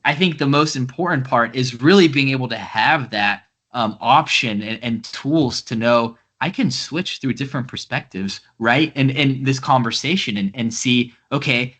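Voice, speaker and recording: Bright-voiced male podcast host. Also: medium pitch. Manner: thinks aloud, often ends with "right?". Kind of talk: casual interview chat.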